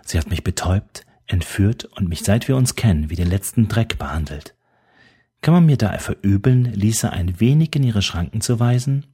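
A man's voice: on the low side, husky. A man doing a weary, dry older journalist. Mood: cutting. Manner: calm, dry and measured. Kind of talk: audiobook character voice.

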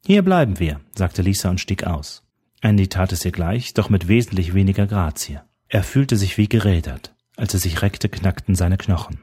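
A man narrating an audiobook in a steady, even storytelling manner. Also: deep voice, normal speed, breathy edge.

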